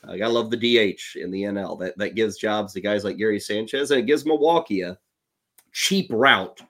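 A man co-hosting a casual sports talk show, chatty and animated, laughing often. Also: on the low side, moderate pace. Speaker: podcast co-host.

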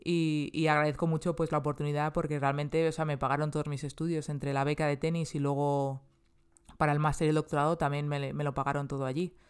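Speaking fast with a flat, low-pitched delivery, this Spanish woman in her thirties sounds clear and resonant. She's a chatty interview guest with a Spain Spanish accent, full of fillers and frequent sentence restarts.

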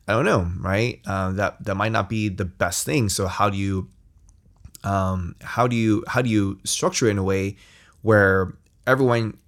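A man's voice: fairly low pitch, a little slow. A man hosting a podcast, giving rambling casual advice with many restarts and tag questions. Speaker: podcast host.

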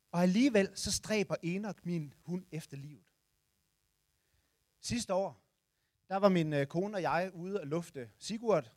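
A man in his forties telling a personal story to listeners, animated and sometimes shouting in the tense moments. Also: high-pitched, no echo, studio quality. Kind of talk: personal anecdote told to listeners.

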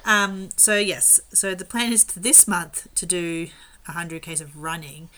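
An Australian woman co-hosting a casual chat podcast, nasal and stuffed up from a cold, relaxed and agreeable. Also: fairly low pitch, unhurried. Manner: relaxed, agreeable, backchannels a lot. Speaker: podcast co-host.

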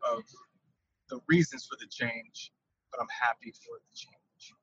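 Speaking as a podcast guest from his truck, a man gives a casual interview over a call, and the recording is muffled with a windy, tunnel-like cab sound but no echo. His medium-pitched voice is a bit bright and husky, with huge pitch swings. He talks haltingly, often repeating words while he thinks.

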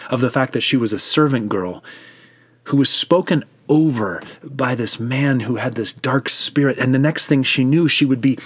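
A male preacher retelling a Bible story as sermon storytelling, unhurried with hushed dramatic pauses. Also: medium pitch, husky.

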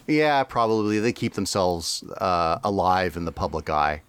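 A man's voice: low-pitched, animated, a little slow, a bit bright, clear, resonant tone. A man co-hosting a podcast, chatting casually and rambling with frequent laughs and restarts. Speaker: podcast co-host.

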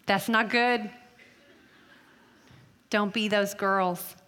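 A woman's voice: medium pitch, fairly even intonation, sharp tone, clean tone. Middle-aged woman speaker, earnest sermon to students, emphatic, long hall echo. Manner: earnest, emphatic, slows down for key phrases. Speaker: speaker addressing college women.

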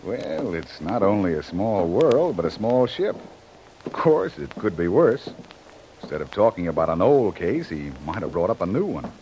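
Wry adventure hero, swooping intonation. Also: male voice, sits low, sing-song, normal speed, a little mellow, highs cut off. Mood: wry, easygoing. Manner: wry, plain-spoken. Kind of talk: 1940s radio acting. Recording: noisy old 1940s radio recording.

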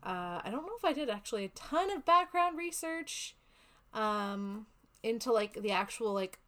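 A woman's voice: a little high, very animated, moderate pace, pushed and bright. Chatty woman podcast host. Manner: rambling, chatty explaining. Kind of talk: casual podcast chat.

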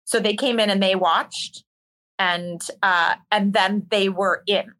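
A musical theater performer, a woman, is interviewed as a guest and tells stories in a candid, animated, conversational way. She speaks slowly in a mid-range voice.

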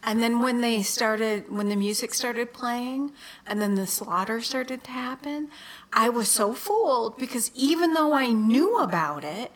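A woman's voice: a little high, animated, a little slow. A chatty woman talking casually, laughing often and restarting her sentences. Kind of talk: casual chat.

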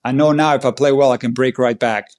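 Man recounting a match, animated. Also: medium pitch, fast talker. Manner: animated, emphatic play-by-play retelling. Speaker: podcast guest, tennis coach. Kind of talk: conversational storytelling.

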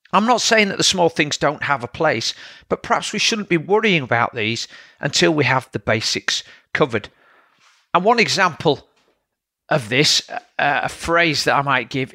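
A man's voice: fairly high pitch, sharp tone, no echo, studio quality. A man, a coach hosting his own podcast, talking through training advice in a plain, lecturing way with frequent "all right?" check-ins. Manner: plain-spoken, lecturing, asks rhetorical checks. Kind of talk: solo podcast monologue.

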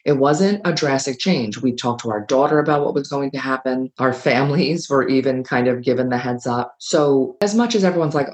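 A middle-aged woman hosting a talk show, chatting casually about change and acting out what family members say in quick little voices. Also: very deep voice, darkish tone. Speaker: podcast host. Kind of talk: casual advice monologue.

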